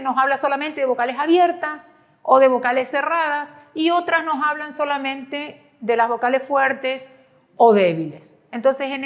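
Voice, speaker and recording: A woman teacher presents a grammar lesson over slides, patiently repeating points and checking understanding with short hums. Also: sits high. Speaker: school teacher.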